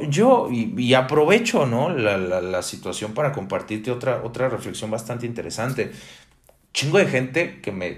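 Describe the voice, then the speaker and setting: A young Mexican man giving a casual reflective monologue, blunt and emphatic, swearing freely as he drives his points home. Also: on the low side. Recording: roomy echo.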